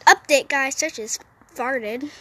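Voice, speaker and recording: A high-voiced woman, a mobile game vlogger, chats playfully with viewers while playing, giving casual commentary as she sits on a roof outdoors. She takes it slowly, her voice pushed and bright, recorded on a phone.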